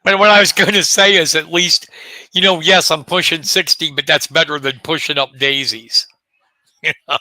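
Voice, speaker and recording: A man's voice: on the high side, fairly even intonation, moderate pace, sharp tone, dry recording. A man in his late fifties co-hosting a casual sports talk show, chatty and joking with rhetorical questions. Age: 50s. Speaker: co-host.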